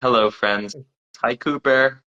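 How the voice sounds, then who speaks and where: A man's voice: medium pitch, slow, sharp tone, muffled recording. A young man hosting a casual livestream, talking with lots of restarts and repeated words. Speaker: singer-songwriter hosting a livestream.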